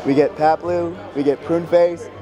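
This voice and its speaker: A man chatting excitedly in a crowded convention lobby, recorded on a handheld camera. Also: a little high, normal speed. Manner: excited, exclaiming. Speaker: convention attendee. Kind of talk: casual chat. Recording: busy crowd noise behind.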